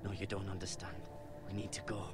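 An actor playing an urgent young squire in a video game, pleading with a breathless edge. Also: male voice, deep voice, little pitch movement, a little fast, natural voice. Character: urgent young male squire warning his lord. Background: game music.

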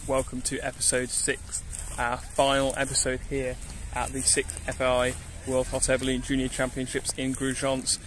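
A man's voice: mid-range voice, completely flat delivery, moderate pace, few pauses, a bit bright, a little hiss or hum. A young man presenting outdoors on a grass field, talking upbeat and explaining things, recorded on a phone held at arm's length. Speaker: event presenter. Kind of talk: on-location presenting.

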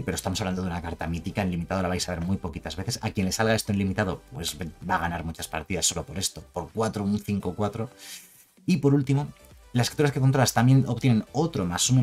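A man with a Spain Spanish accent giving a chatty, emphatic card game review, with jokes and asides. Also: lowish voice. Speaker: card game video creator. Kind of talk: casual card review commentary.

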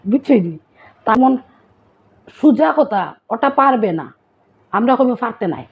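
A woman speaking with a Sylheti accent talks through a casual vlog, patiently explaining words and asking her audience if they follow. Her voice sits a little high. The sound is thin and tinny, like a phone line. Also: a little slow, breathy edge. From Sylhet, Bangladesh. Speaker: vlogger.

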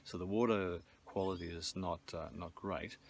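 A man's voice: deep voice, moderate pace, creaky. Australian man rambling beside a trickling creek. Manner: relaxed, rambling with restarts and fillers. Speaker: fishing vlogger. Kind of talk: casual outdoor explanation. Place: outdoors by a shallow suburban creek. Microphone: phone held at arm's length. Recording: outdoor phone audio with stream noise. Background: trickling stream.

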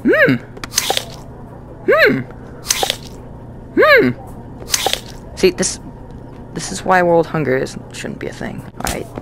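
A man's voice: high voice, huge pitch swings, slow, creaky, long pauses, background noise. A young man giving jokey let's-play commentary, exclaiming and talking back to the game's characters. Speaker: gaming YouTuber.

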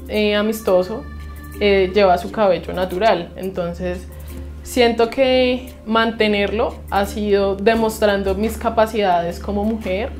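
Young woman, thoughtful interview talk, lots of little eh pauses, soft music under it. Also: mid-range voice. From Bogotá, Colombia. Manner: reflective, with frequent "eh" pauses. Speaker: law student interviewee. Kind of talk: documentary interview monologue.

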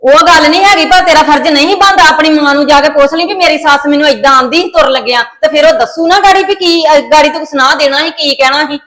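A woman's voice: sits high, fairly bright tone. A middle-aged woman playing a stern mother-in-law who lectures and nags her daughter-in-law. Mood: scolding. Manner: nagging, lecturing, rapid.

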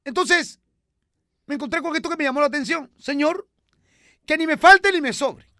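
Brief: man putting on a high, loud, preachy moralizer, bright tone. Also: moderate pace, no room sound, studio quality, heavily acted.

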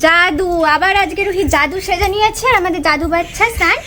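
A woman from West Bengal narrates a family vlog outdoors in her courtyard. Her voice sits very high, and she chats warmly with a toddler in sing-song baby talk. A clip-on wireless mic picks her up up close. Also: fast talker, noisy background. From West Bengal, India. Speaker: vlogger, mother. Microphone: wireless lapel mic.

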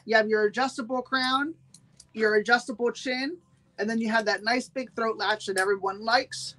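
A woman's voice: fairly high pitch, steady tone, moderate pace, fairly bright tone, slight background noise, rough recording. A woman hosting a live-streamed sale, chatting with viewers and repeating every price twice. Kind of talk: live-streamed sales pitch.

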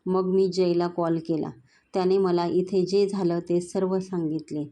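A woman reads a confident young groom in a storybook reading, speaking with calm authority. The voice is low and mellow. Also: unhurried, lightly acted. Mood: assured. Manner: assured, commanding.

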